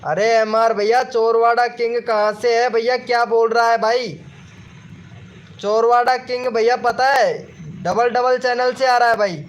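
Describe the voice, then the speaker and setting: A man chatting live with viewers, reading their comments and egging them on, repeating himself with excitable energy and calling everyone brother. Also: very high voice. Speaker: live streamer.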